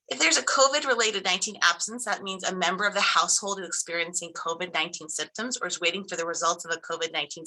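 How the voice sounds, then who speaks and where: A woman's voice: on the low side, bright, forceful tone, low-quality recording. A woman school principal giving an upbeat, informative presentation to parents, reading from slides with small restarts.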